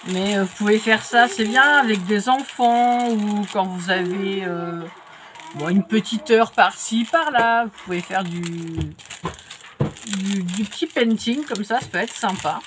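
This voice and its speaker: Unboxing craft kits, a French-accented woman vlogger talks slowly and chattily, her nose stuffy from a cold, often using fillers and restarting. She has a mid-range, slightly bright voice, and there's slight background noise.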